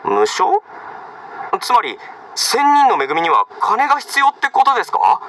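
An actor playing an excitable, presumptuous young man with a theatrical, pushy delivery in an anime game. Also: high-pitched, unhurried, background noise, heavily acted. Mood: eager.

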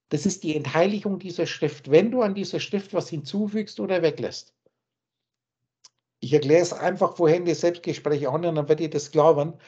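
A man's voice: on the high side, darkish tone, husky. A man teaching spiritual ideas on a video call, emphatic and insistent, often repeating his key points. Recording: muffled lo-fi call audio.

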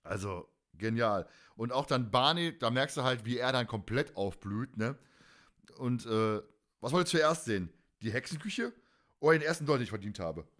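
Hosting a fan podcast, a man talks in a relaxed, chatty, colloquial way, stressing his points and wandering off on tangents. He speaks at normal speed with a medium pitch, lively intonation and a slightly bright tone.

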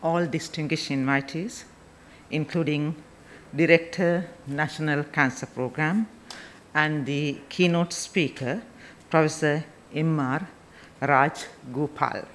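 Sri lankan lady reading a formal speech real slow, bit halting, masked at a podium mic. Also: low-pitched, steady tone, a little hiss or hum. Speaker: medical association president giving a review. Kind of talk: formal prepared address. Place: indoor symposium podium, speaking through a face mask. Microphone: podium microphones.

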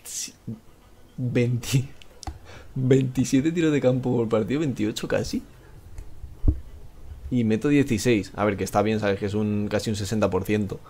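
His voice is medium-pitched and warm, moving at a moderate pace with long pauses, over slight background noise. A gamer with a Spain Spanish accent, he chats live while playing, rambling, self-mocking and swearing plenty.

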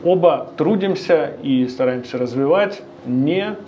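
A man's voice: a little high, animated, measured pace, dark tone, a little hiss or hum. A man hosting a business podcast, asking long, formally phrased questions in a dim bar. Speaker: podcast host. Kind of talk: interview questions.

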